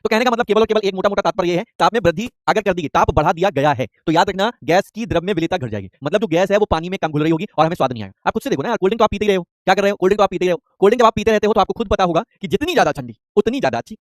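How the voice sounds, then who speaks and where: This is an expressive male chemistry teacher with a fairly high voice, lecturing in a live online class at breakneck speed. He keeps repeating terms and firing call-and-response questions at students, and the recording is dry and close with no echo.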